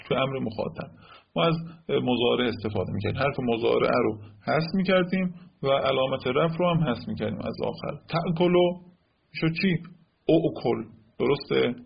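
Man, grammar teacher, step-by-step explanations, gravelly husky voice, muffled lo-fi sound. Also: medium pitch. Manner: explains step by step, asks "right?" often. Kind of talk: Arabic grammar lesson.

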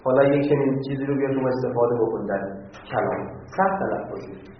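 A male teacher giving a classroom lecture, putting questions to the class and answering them himself. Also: medium pitch. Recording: very echoey, distant, phone-like, faint hiss.

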